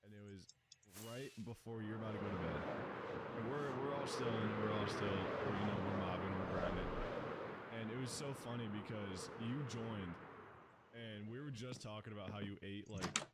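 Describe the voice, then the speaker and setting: A man's voice: lowish voice, moderate pace. A young male streamer chatting casually with friends, laid-back and teasing. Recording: loud background noise.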